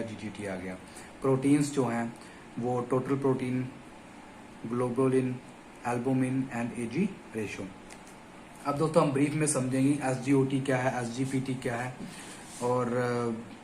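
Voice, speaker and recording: A man's voice: mid-range voice, a little mellow, a little hiss or hum. Man giving a casual medical lesson. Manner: explains step by step, often says "friends". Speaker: medical educator. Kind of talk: informal lecture. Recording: echoey room with faint ambience.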